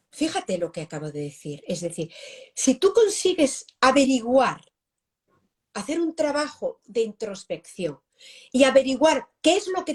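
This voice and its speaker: A woman, a pedagogue guest answering in an animated way and repeating phrases to stress them. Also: medium pitch. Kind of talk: live-stream interview answer.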